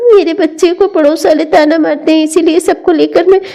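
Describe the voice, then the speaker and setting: A woman's voice: very high-pitched, fairly even intonation, a little fast, creaky, dark tone. A woman voicing a young married cartoon woman who complains that her mother never invites her. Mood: plaintive. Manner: plaintive, with bitter little laughs. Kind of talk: cartoon dialogue acting.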